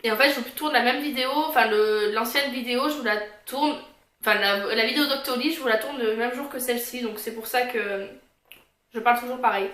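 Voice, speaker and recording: A woman with a high, bright voice talks casually through items she is showing, like a vlogger. Her articulation is slightly impeded, as from a fresh tongue piercing. The room is clearly echoey, with faint noise underneath. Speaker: vlogger presenting a shopping haul. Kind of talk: casual chatty product show-and-tell. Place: indoors, in a bedroom.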